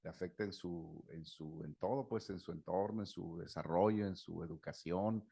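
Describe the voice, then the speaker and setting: Deep and mellow with vocal fry and a breathy edge, this man speaks at a moderate pace. He's a middle-aged psychotherapist from Mexico addressing a group informally, conversational and full of stories, frequent laughter, and fillers.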